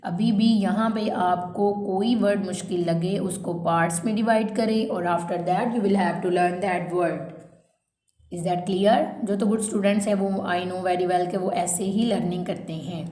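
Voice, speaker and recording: Female teacher, dictation lesson, mellow tone, slow deliberate reading. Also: medium pitch, steady tone. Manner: reads English dictation very slowly, explains spellings quickly in Hindi. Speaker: English teacher. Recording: echoey room.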